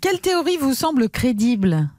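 A woman presenting a satirical news show, dry and brisk. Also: sits high, big pitch swings, darkish tone, no room sound. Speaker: host.

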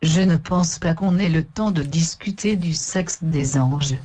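A woman's voice: low voice, measured pace, warm tone. A synthetic woman's voice as a virtual assistant, giving replies in a sepulchral tone.

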